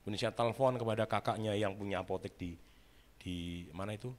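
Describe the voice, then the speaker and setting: A man's voice: on the low side, quick pace. A male pastor, telling a story in a dramatic sermon and often turning to address his listeners.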